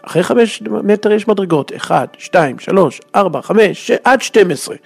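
A man's voice: high-pitched, expressive, gravelly, slightly rough, voice pushed up, exaggerated voice. A man voicing a bossy, fussy male hospital guard who barks step-by-step directions.

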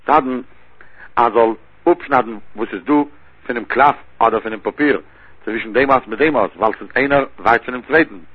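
A man's voice: medium pitch, moderate pace, slightly rough, no echo. A man teaching a Talmud lesson in a chanting study singsong, explaining each term. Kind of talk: Yiddish-style Talmud lesson. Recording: dry, tinny phone-like recording.

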